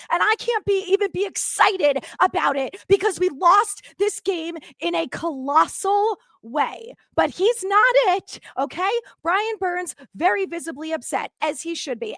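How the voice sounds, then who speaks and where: A woman's voice: sits high, a bit bright, no room sound. A woman hosting a solo sports recap. She rants angrily, swears a lot and sounds exasperated. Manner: heated, swearing, exasperated ranting. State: angry. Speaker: sports podcast host.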